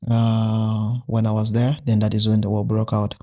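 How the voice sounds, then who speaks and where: A man's voice: on the low side, monotone, normal speed, darkish tone. A young man from South Sudan, a podcast guest talking casually with many fillers and restarts. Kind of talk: casual interview.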